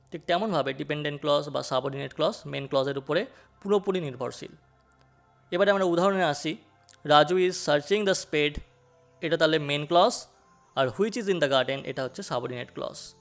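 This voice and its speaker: A man teaching an English grammar lesson, speaking slowly and repeating key points for his students. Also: on the high side, vocal fry. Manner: addresses students directly, asks them questions.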